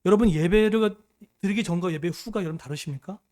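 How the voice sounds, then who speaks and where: A man's voice: high voice, fast talker, a little mellow. A middle-aged male pastor preaching a sermon, emphatic, often putting questions to the congregation.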